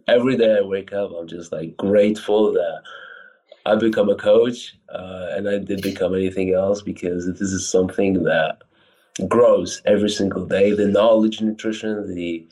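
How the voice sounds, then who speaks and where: Male coach guest from Iraq, very low warm voice, earnest and meandering. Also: a little slow. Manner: earnest, rambling, non-native phrasing. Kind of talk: casual chat.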